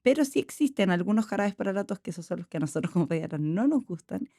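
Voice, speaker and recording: Chilean woman pediatrician, warm mellow tone, calm explainer, dry sound. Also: medium pitch, fast talker, dry recording. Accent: Chilean Spanish. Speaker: pediatrician, podcast host. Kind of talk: casual medical chat.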